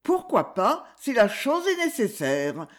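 A cool, commanding young woman detective voiced by a reader in an audiobook, her lines set clearly higher than the narration and spoken at an unhurried pace. Her melody swings widely, and she can put on a stammering tipsy act. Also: wildly swooping pitch. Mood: cold commanding. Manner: shifts from drunken stammering to icy command.

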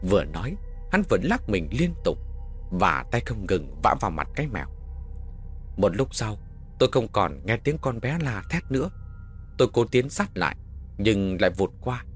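A man narrating a first-person horror story with dramatic, expressive delivery. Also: on the low side, normal speed, long pauses, soft background music.

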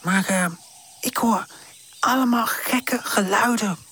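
A woman's voice: a little high, slow, a bit bright, slightly rough, voice pushed up, heavily acted. A woman voicing a nervous little male puppy in a children's storybook. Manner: worried, whispery and hesitant.

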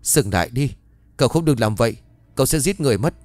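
A man voicing a horrified older man who shouts desperately to stop a killing. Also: medium pitch, lively intonation, fast talker, no echo, natural voice.

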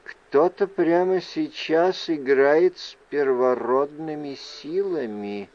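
Sorceress read by a man, hushed near-whisper, wary, slow, lo-fi audio. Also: fairly high pitch, dry recording. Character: sorceress, low-voiced woman, tense and wary.

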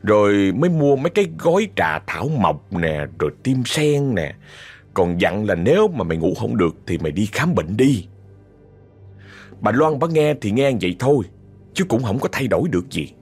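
Husky southern Vietnamese man telling ghost stories. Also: fairly low pitch, big pitch swings, moderate pace, faint music behind. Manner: chatty, addresses listeners directly. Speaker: ghost story narrator. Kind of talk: told horror story.

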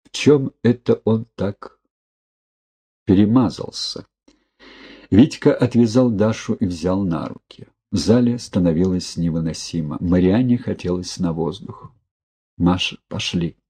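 A man reading a thriller novel aloud as an audiobook narrator in a steady, even storytelling manner. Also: deep voice, measured pace, breathy edge. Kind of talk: scripted narration.

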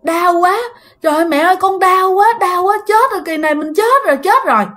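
A woman's voice: extremely high pitch, fairly quick, bright, forceful tone, voice pushed up. A woman voicing a small injured girl whimpering in pain.

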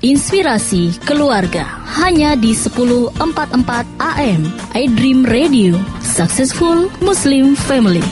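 A woman announcer in a recorded AM radio station identification, delivered slowly in a drawn-out, sing-song promo style. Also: high-pitched, big pitch swings. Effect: AM radio station bumper played on air. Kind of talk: recorded station ID over music. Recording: distant voice over loud jingle music.

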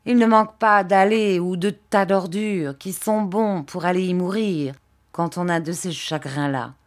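A woman reading an audiobook, voicing a spiteful young woman full of hatred, who speaks slowly and cuttingly. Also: on the low side, close to an everyday voice. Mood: contemptuous. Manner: slow, hard, cutting delivery.

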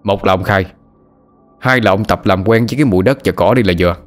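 A man voicing a hot-tempered, strong young brawler who makes blunt, loud threats. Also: fairly low pitch, fast talker, faint music behind, lightly acted. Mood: menacing.

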